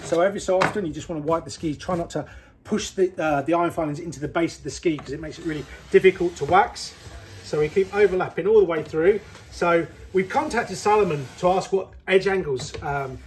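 A man's voice: on the high side, a little hiss or hum. Middle-aged man explaining ski repair. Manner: practical, explanatory, relaxed with fillers. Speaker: ski technician. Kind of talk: hands-on workshop demonstration. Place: small indoor ski workshop.

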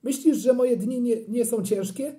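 A reader voicing a harried mother who scolds her son, with shrill, exasperated outbursts. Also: normal speed, warm tone, close to an everyday voice. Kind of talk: audiobook character reading.

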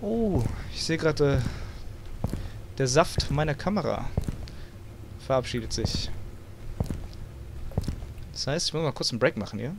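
A man's voice: on the high side, animated, a little slow, pauses often, background noise. A young man, commenting on a horror game with sarcastic, swearing remarks and English words mixed in. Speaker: let's play gamer.

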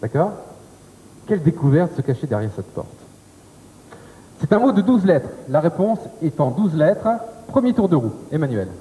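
Working a TV studio set, this game show host, a man in his thirties, keeps things chatty and upbeat while quizzing contestants. His voice is on the high side, mellow and very animated, at a moderate pace, picked up by a handheld mic in a reverberant room with faint tape hiss.

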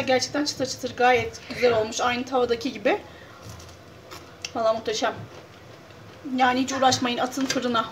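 A woman in her thirties talks to her viewers from her kitchen and living room, chatty and homely, with plenty of fillers. Her voice sits a little high. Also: slight background noise. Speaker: vlogger. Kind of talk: casual home vlog narration.

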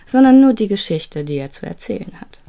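A woman voicing a cheerful, wise male storyteller in an audio storybook, speaking in a gentle, measured way. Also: mid-range voice, expressive, vocal fry. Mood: kindly.

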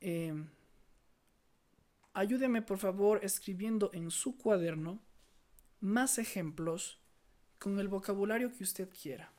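Slow-paced woman teacher. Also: medium pitch. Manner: slow, drawn-out English drills; warm praise to young learners. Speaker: English teacher. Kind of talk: bilingual lesson for children.

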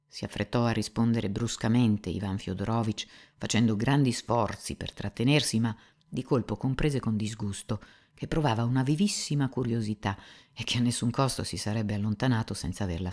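A woman narrating a classic novel as an audiobook, in a measured, slow and expressive way. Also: extremely low pitch.

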